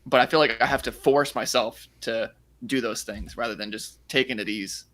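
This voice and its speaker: A man's voice: medium pitch, fairly even intonation, a little fast, fairly bright tone. A man hosting a casual interview, chatty and loose, full of "like" and "you know". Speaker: host, course creator. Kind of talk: casual conversation.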